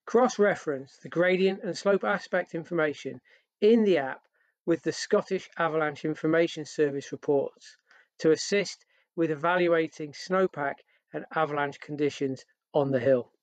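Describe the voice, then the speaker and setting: A man reading scripted instructional voice-over in an even, read-out manner. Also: fairly high pitch, normal speed, no echo, lo-fi sound. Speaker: narrator.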